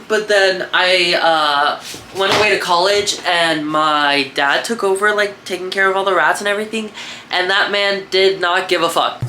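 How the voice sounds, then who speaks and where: Speaking in a high, pushed, bright voice, a young man with congestion chats profanely to his viewers while showing off his rat shed. He's a reptile and rat breeder giving a rambling, casual show-and-tell vlog in an echoey shed room, with slight background noise.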